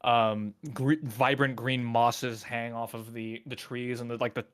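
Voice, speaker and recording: A man's voice: medium pitch, little pitch movement, unhurried, a bit bright, clear, resonant tone. A man who is the game master of a tabletop game, describing scenes in a loose, filler-heavy way.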